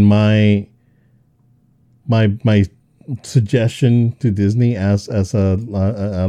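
Dark-voiced man chatting casually. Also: fairly low pitch, clear, resonant tone, muffled recording. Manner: hesitant, many restarts and fillers. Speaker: podcast co-host. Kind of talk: casual chat.

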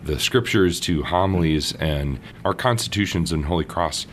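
Man, priest guest, very low voice, animated anecdotal delivery, faint background noise. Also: moderate pace. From Minnesota, United States. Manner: lively, acts out quoted voices with laughs. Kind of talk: casual storytelling interview.

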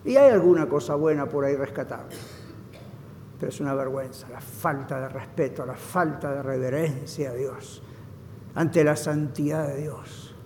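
A male pastor preaching a fervent sermon, swinging from hushed lines to loud emphasis and slipping in short English phrases. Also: medium pitch, moderate pace, slight background noise. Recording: reverberant hall.

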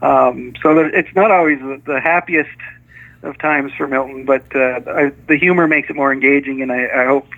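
Male author guest, halting speech full of restarts, heard through a narrow phone line. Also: mid-range voice, steady tone, gravelly. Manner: hesitant, many restarts and small laughs. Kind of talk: casual interview chat.

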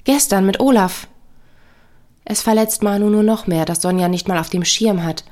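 Woman counselor talking slow and thoughtful on her podcast, calm and measured. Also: mid-range voice. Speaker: counselor and couple therapist. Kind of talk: reflective podcast monologue.

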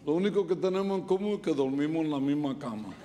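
Joking Puerto Rican pastor preaching. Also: male voice, on the high side, animated, dark tone, a little hiss or hum. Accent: Puerto Rican Spanish. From Puerto Rico. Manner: joking, storytelling, quick asides. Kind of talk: humorous sermon. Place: church service.

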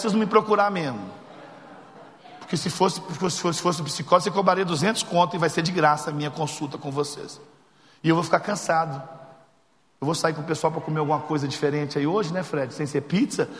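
A male pastor preaches with comic timing, acting out the voices in his story. His voice sits high and his speech races along. The sound rings with the long reverb of a church sanctuary. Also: fast talker. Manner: jokey, animated, acts out dialogue. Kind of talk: humorous sermon storytelling.

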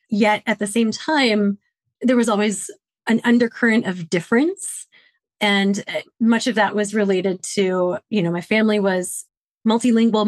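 In a mid-range voice with no echo, a middle-aged woman from Detroit, Michigan, USA, answers interview questions conversationally on a podcast. She reflects earnestly on her upbringing and her work.

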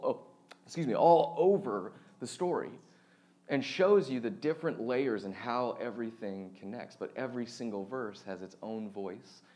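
A man of thirty giving a relaxed, conversational sermon as pastor, chatty and self-deprecating, with frequent fillers and restarts. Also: medium pitch. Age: 30s.

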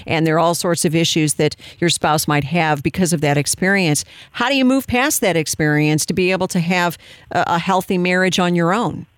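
A man's voice: a little high, expressive, fairly quick, fairly bright tone, clear, resonant tone, no echo, studio quality. A man hosting a radio interview, asking earnest, thoughtful questions. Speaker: radio host.

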